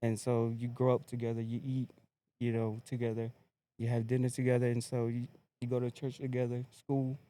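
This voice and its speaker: A young man from American Samoa, a podcast guest telling his story in a relaxed, laid-back casual chat. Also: mid-range voice, brisk.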